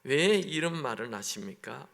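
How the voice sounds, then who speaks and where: A man's voice: mid-range voice, expressive, moderate pace, creaky, a bit bright. A man, a pastor, preaching a sermon in a church sanctuary, talking in a conversational way and asking the congregation questions. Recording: long echo of a large hall.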